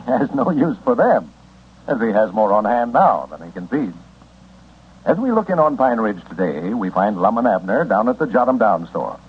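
A male announcer on a scratchy, muffled old-time radio broadcast, his voice husky and grainy. His folksy sales pitch rises and falls with a lively sing-song lilt. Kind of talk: scripted old-time radio sponsor read and narration.

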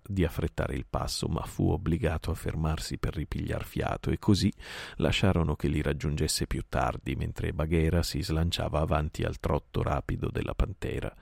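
A male reader narrates a novel in a slow, measured style. His voice sits very low with a heavy, constant gravel. The recording is dry and close. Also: darkish tone, no room sound. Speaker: audiobook reader. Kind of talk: reading a novel aloud.

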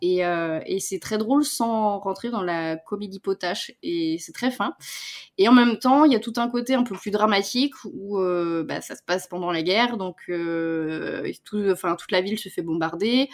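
A woman's voice: mid-range voice, moderate pace. Chatty French-speaking woman reviewing a series. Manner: chatty, many fillers and restarts. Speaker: podcast co-host reviewing series. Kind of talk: casual chat.

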